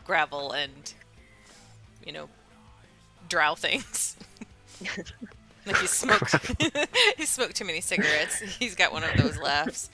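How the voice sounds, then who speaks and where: A woman runs a tabletop game as dungeon master, breaking into giggles between rulings. Her voice is bright and clear, and she takes her time. She keeps things loose and playful at the table. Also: low-pitched. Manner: giggly, laughs often while narrating.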